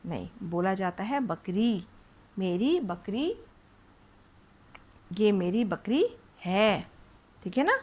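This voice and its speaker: A woman teaching young children the short and long vowel signs, sounding out syllables slowly and often checking if they follow. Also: medium pitch, very animated, darkish tone. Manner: patient, drawn-out sounding of syllables, frequent "ठीक है?" checks. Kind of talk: children's Hindi phonics lesson.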